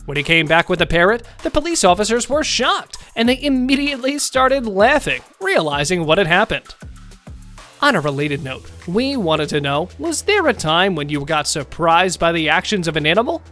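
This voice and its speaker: A narrator voices a scripted countdown video in a middle register, and the pitch leaps up and down all the way through. The delivery has a sing-song lilt, and faint music plays behind it. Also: sing-song, normal speed, a bit bright.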